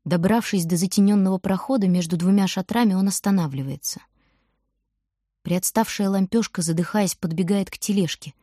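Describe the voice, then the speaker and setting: A woman reads a storybook aloud in a steady, expressive manner. Her voice sits at a middle pitch. The recording is dry and close. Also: normal speed, no echo. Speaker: audiobook narrator. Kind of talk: scripted narration.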